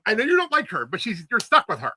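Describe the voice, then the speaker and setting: A man co-hosting a podcast, chatting in a blunt, excitable way and laughing often. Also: sits high, fast talker, slight background noise. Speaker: podcast co-host. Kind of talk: casual chat.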